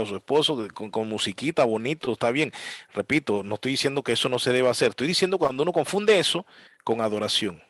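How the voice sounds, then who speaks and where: A man teaching a church class on worship, telling stories with lively asides and mimicking piano sounds and preachers. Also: medium pitch, no room sound. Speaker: Bible teacher.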